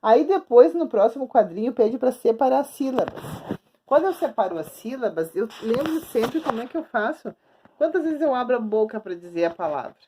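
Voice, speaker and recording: A woman's voice: a little high, expressive, noisy background. Patient woman teacher spelling out syllables. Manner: patient, repeats and stretches words slowly for young pupils. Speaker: schoolteacher. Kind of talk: remote grammar lesson for children. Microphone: recording at a screen, writing on the board while talking.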